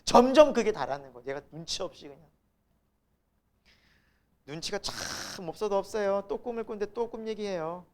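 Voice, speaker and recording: A male pastor giving a sermon in a church, talking in an animated way, acting out the people he quotes and laughing often. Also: high voice, moderate pace, long pauses. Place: church sanctuary.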